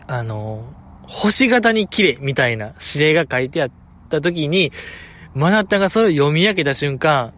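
A man's voice: fairly high pitch, a bit bright, highs cut off. A man with a Kansai accent hosting a casual solo podcast, playfully teasing his listeners and laughing often. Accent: Kansai Japanese. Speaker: podcast host.

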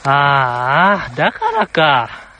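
A man's voice: a little high, very animated, drawn-out words, sharp tone. Chatty man with an Osaka accent. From Osaka, Japan. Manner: chatty, rambling, playfully earnest. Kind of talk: casual solo chat.

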